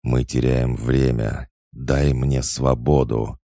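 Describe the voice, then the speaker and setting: A man voicing a growling, menacing ancient male god of death who speaks slowly and commandingly. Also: extremely low pitch, little pitch movement, dark tone, dry recording, studio quality, full character voice. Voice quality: growling, rasping laugh.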